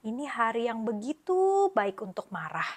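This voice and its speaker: A woman voicing a gentle animal friend in a children's storybook, speaking softly and calmly. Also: on the high side, moderate pace.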